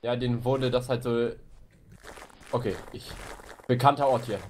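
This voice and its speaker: A man's voice: mid-range voice, steady tone, moderate pace, darkish tone. A young man chatting casually while playing a multiplayer game, joking crudely and blurting out repeated lines. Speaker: Minecraft let's player. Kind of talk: casual multiplayer gaming chat. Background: faint noise and clicks.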